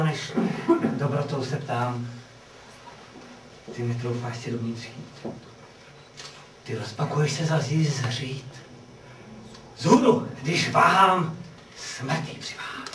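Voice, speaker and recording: Guy acting young lover begging her to run, urgent and hushed, old radio drama verse, echoey and far from the mic. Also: mid-range voice, pauses often, slight background noise, close to an everyday voice. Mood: brooding. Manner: urgent, hushed then loud calls, declamatory verse. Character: young man breaking his lover out of prison, urgent. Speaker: actor in a radio play.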